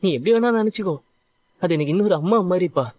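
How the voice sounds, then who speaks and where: A man's voice: high voice, lively intonation, fast, darkish tone, lo-fi sound. A man playing a grateful ex-convict youth. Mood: earnest. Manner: earnest, emotional confession. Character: grateful young man, former prisoner. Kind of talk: dubbed serial dialogue.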